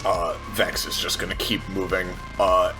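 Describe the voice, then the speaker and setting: A man's voice: low voice, fairly even intonation, normal speed, over music, poor audio. A man playing a tabletop game, describing his character's moves hesitantly with fillers. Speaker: player.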